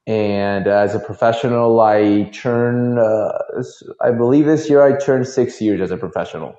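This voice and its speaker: A man's voice: lowish voice, moderate pace, warm tone. A man in his twenties from Mexico with a Mexican accent, answering casually in an interview and often repeating words as he thinks. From Monterrey, northern Mexico. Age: 20s. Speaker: guest, professional kickboxer. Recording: dull, roomy internet call audio.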